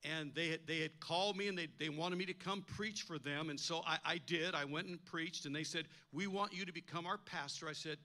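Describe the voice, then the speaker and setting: A man with a bright, forceful voice on the high side talks a little fast, with few pauses. He is an older pastor delivering a church sermon, emphatically telling a personal story, acting out quoted voices and often repeating words.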